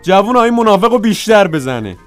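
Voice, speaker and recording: A man's voice: high-pitched, big pitch swings, faint music behind. An actor playing a hapless, bandaged wounded soldier who moans and complains as he tells his misfortunes. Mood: aggrieved. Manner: moaning, complaining comic storytelling.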